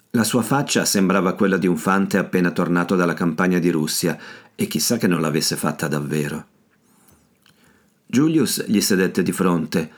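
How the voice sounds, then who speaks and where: A man narrating an audiobook in a measured, steady way. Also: deep voice. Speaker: audiobook reader. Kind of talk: scripted narration.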